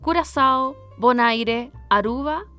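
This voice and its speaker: Higher-pitched Chilean woman on radio. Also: slow pace, bright, forceful tone, soft background music. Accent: Chilean Spanish. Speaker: travel agent on radio. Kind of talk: casual radio chat, presenting travel offers.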